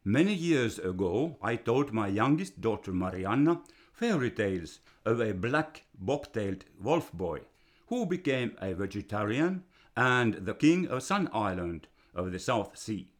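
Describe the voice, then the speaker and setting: With a lively storybook lilt, a Finnish-accented older man from Finland reads his own children's book, a fairy tale written for his grandchildren. His delivery is unhurried and deliberate, the manner of a storyteller sharing his work.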